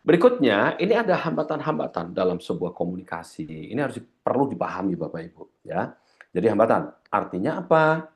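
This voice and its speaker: Guy trainer lecturing a seminar, pitch jumps around a lot, voice a bit heavy from a cough, keeps talking to the room and repeating stuff. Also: big pitch swings, brisk. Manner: addresses the audience often, repeats key points. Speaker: corporate trainer.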